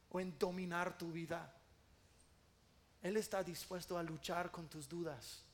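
A man preaching a sermon with passion, acting out quoted prayers in loud bursts. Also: sits high.

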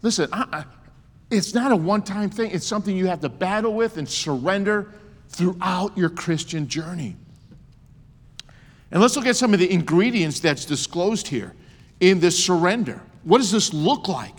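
A man's voice: sits high, expressive, normal speed. Older man preaching in a reverberant hall. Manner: emphatic preaching with joking asides. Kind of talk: sermon.

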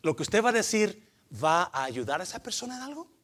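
Pastor guy preaching, high voice w some gravel, swoops up and down a lot. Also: brisk. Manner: animated preaching, rhetorical questions, switches to English fillers. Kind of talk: sermon.

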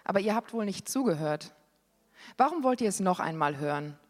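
A woman reading a Bible passage aloud in a church service, with an expressive reading that lifts on the quoted questions. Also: medium pitch, brisk, faint music behind. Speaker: scripture reader. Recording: long hall reverb.

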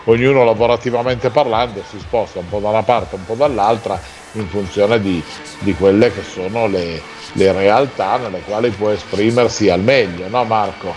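A man hosting a radio show in casual, teasing chat, talking in halting phrases and adding little tag questions. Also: lowish voice, a little mellow, faint music behind.

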